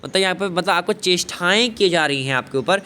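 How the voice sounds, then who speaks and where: A man explains a Hindi poetry lesson in a high, bright, forceful voice that is smooth and fairly quick. He repeats himself, poses questions and answers them himself, and keeps dropping "thik hai" and "bhai", with faint background noise in the recording.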